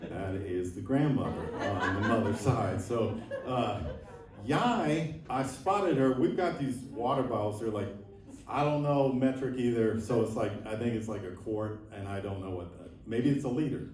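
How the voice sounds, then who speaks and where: A man in his sixties doing a stand-up set, rambling and self-deprecating with lots of halting fillers. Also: on the low side, a little mellow. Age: 60s. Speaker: stand-up comedian. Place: live comedy venue with audience laughing. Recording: echoey room, mic at a distance, crowd laughter.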